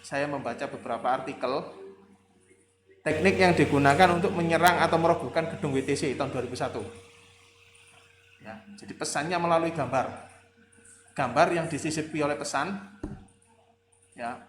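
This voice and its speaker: A university lecturer with a somewhat high voice talks at a moderate pace, leaving long pauses. His classroom lecture is conversational and rambling, full of fillers and rhetorical questions, with a slight tinge. The room is echoey, with faint ambient noise.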